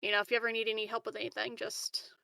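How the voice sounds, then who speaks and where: In a low-quality, dry recording, a woman with a slightly high, gravelly, bright voice talks rapid-fire in a completely flat, forceful delivery. She's chatting casually in character at a tabletop roleplaying game, improvising in a giggly, hesitant, rambling manner.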